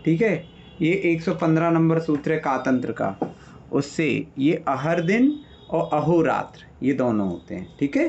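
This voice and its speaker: Guy teaching an online class, slow and patient, gravelly voice, kinda muffled call audio. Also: fairly high pitch, very animated, a little mellow, slight background noise. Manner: patient explainer, lists word meanings, checks in with "है ना?". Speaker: Sanskrit teacher. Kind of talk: online class revision lecture.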